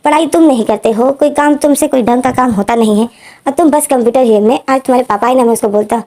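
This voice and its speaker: A woman's voice: high-pitched, fast, mellow. A woman storyteller voicing a nagging middle-aged mother who scolds her son in a raised voice. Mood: scolding.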